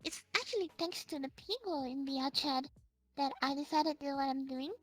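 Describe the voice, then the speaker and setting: In a casual interview, a streamer guest with a Singaporean English accent chats excitedly and giggles through rambling stories. Her voice sits high and runs a little fast.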